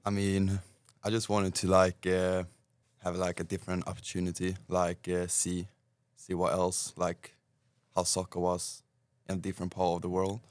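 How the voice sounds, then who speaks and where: A twenty-year-old Swedish man speaking English with a Swedish accent, answering interview questions in a relaxed, hesitant way. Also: sits low, moderate pace, smooth, no room sound. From Sweden. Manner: relaxed, hesitant phrasing with many fillers. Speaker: guest soccer player.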